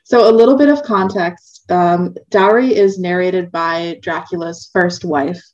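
A woman with a somewhat low voice talks about her gothic novel and reads from it. She sounds eager and bright. The recording is dull and lo-fi. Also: a little slow. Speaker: author reading her book. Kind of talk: interview chat and book reading.

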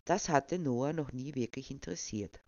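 A man reading a novel aloud as narrator, even and measured. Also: mid-range voice, no echo, lo-fi sound. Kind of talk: audiobook reading.

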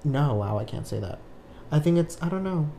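Podcast host, medium pitch, loose hesitant chatter with lots of restarts. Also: lively intonation, normal speed, warm tone, slight background noise. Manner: hesitant, with frequent restarts and asides. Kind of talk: casual chat.

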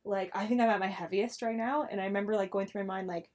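Woman, late 20s, host; eager, agreeable, casual fillers, average pitch. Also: steady tone, fast, darkish tone. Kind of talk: casual chat.

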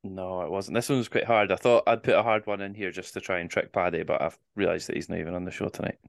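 A man's voice: low-pitched, steady tone, fast, creaky, no room sound, studio quality. A man with a Scottish accent hosting a casual quiz podcast, teasing the players and reading the clues in the first person. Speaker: quizmaster.

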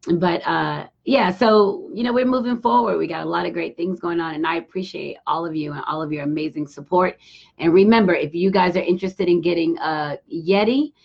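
A middle-aged woman, hosting a live talk show and telling a frank, profane story with lively quoted voices. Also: on the low side, brisk, vocal fry, slightly rough. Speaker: show host. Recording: dull lo-fi sound.

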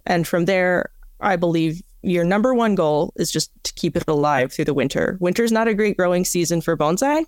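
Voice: mid-range voice, lively intonation, normal speed, smooth, dry recording, studio quality. A podcast co-host in casual chat, explaining things plainly and matter-of-factly.

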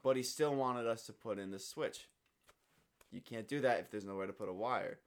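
A man on a casual podcast telling a story in an animated way, swearing and getting louder as he acts out what people said. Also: fairly low pitch, moderate pace, smooth. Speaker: podcast co-host.

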